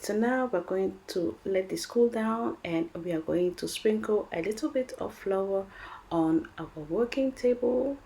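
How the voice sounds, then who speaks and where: A French-accented woman with a warm, mid-range voice hosts a cooking channel, and the recording is rough. In her recipe voice-over she's chatty and encouraging, talking to viewers as guys and friends.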